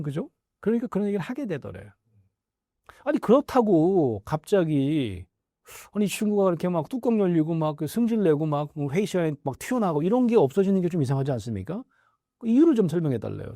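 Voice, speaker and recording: A middle-aged man, a professor, explaining things in a conversational interview, lively and full of small affirming fillers. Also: fairly high pitch, dry recording, studio quality. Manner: lively, acts out quoted dialogue, frequent affirming fillers. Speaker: professor guest.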